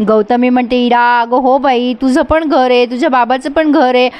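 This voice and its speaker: A woman's voice: high-pitched, fairly even intonation, normal speed, muffled recording. A woman casually retelling a TV serial episode, chatting directly to her viewers. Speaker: serial recap narrator. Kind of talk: storytelling episode recap.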